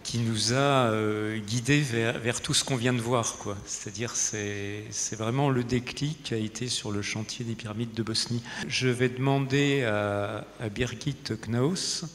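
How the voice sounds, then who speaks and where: Slow, hesitant man in reverberant hall. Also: mid-range voice, steady tone, a bit bright. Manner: hesitant, pausing often mid-sentence. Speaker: conference speaker. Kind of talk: informal conference talk. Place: conference hall. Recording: reverberant hall, faint noise and audience.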